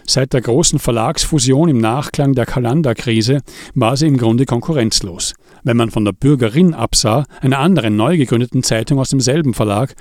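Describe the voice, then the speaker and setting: A man narrating an audiobook in a calm, measured way. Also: mid-range voice, no room sound, studio quality.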